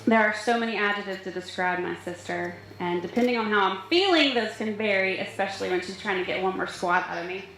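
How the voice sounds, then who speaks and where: A woman's voice: medium pitch, fast, few pauses, fairly bright tone. Woman giving chatty wedding toast, very echoey. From Nashville, US. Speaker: bride's older sister giving a wedding toast. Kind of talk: informal wedding speech with anecdotes. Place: large reverberant room at a wedding reception. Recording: very echoey hall, faint noise.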